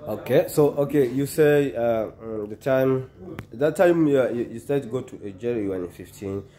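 Halting man hosting an interview. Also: medium pitch, dark tone, a little hiss or hum. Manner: halting, with frequent restarts and short prompts. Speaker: YouTube host and interviewer. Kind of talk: casual interview.

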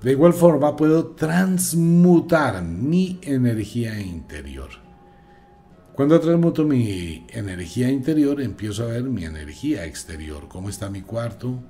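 A man giving an emphatic, preachy radio talk as host, moving between loud and hushed delivery. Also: medium pitch, big pitch swings, unhurried, soft background music. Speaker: radio host, magic teacher.

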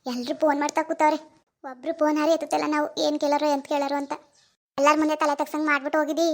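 For a cartoon, a woman with a high, level voice plays a middle-aged village mother in a fury. She scolds her son relentlessly, insulting him in rapid-fire bursts.

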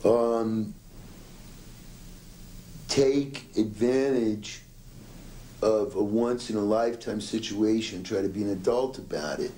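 A man's voice: lowish voice, takes it slowly, pauses often, warm tone, a little hiss or hum, rough recording. A man reflecting thoughtfully in a documentary interview, with some hesitation.

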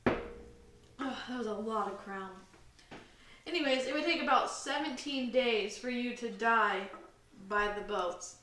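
A woman's voice: on the high side, a little slow, long pauses, bright, forceful tone. A young woman co-hosting a casual podcast, rambling and self-deprecating with many fillers. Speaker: podcast co-host. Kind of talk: casual chat. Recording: roomy, slightly distant mic with faint hiss.

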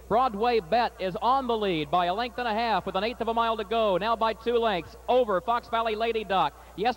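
A man announcing a harness race at an outdoor track, calling the field in a brisk, formal way. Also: high voice. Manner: rapid rising race call, steady formal post parade. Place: outdoor racetrack. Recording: faint outdoor noise.

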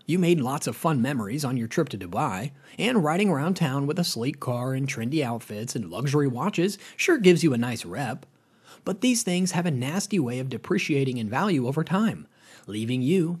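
A husky, mid-range male voice with an American accent narrates a scripted finance explainer voice-over. His delivery is chatty, full of lively rises, and he addresses the viewers as "guys."

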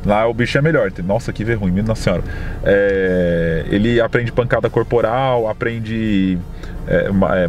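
A man with a Brazilian accent giving casual, excitable commentary on a mobile game, often exaggerating his emotions. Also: fairly low pitch, a little hiss or hum. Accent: Brazilian Portuguese. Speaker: Pokémon GO vlogger. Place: outdoors at night, then indoors.

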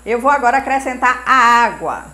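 A woman's voice: on the high side, expressive, brisk, music in the background. A woman in her forties hosting a cooking show in a home kitchen, teaching step by step in a patient, repetitive way.

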